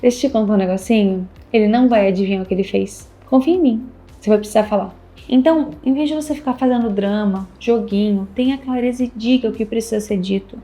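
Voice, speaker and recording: A woman's voice: mid-range voice, quick pace, warm tone. Emphatic Brazilian woman giving dating advice. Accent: Brazilian Portuguese. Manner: emphatic, repeats key phrases, acts out little dialogues. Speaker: relationship advice host and couples therapist. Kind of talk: casual advice talk to camera.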